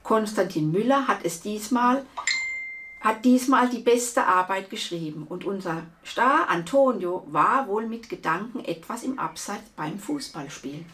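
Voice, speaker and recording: A woman's voice: mid-range voice, animated, a little slow, fairly bright tone, recorded from a distance. A woman voicing a male maths teacher in a children's storybook, announcing results in a matter-of-fact way.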